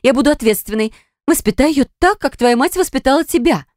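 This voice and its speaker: In an audiobook story, a female reader voices a young wife who wails and pleads in a whiny way, raising her voice above its natural pitch. The character voice is high, expressive, a little fast, and darkish, with clean studio sound and no room sound.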